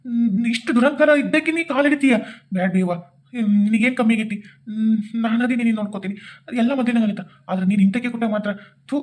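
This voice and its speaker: Bitter cartoon husband with a north karnataka accent, high voice, rattling it off fast, a man voicing him. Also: darkish tone, natural voice. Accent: North Karnataka Kannada. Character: young husband and son, disgusted and hurt.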